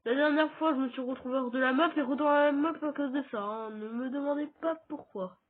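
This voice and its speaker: In a very high-pitched voice at a fairly quick pace, a French-accented YouTuber keeps up relaxed let's-play chatter aimed right at his audience. The audio has a tinny, phone-like quality.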